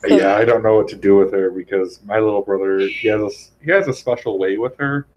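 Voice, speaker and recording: A young man in casual chat, rambling and animated as he retells things, heavy on "like". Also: on the low side, fairly quick, rough recording.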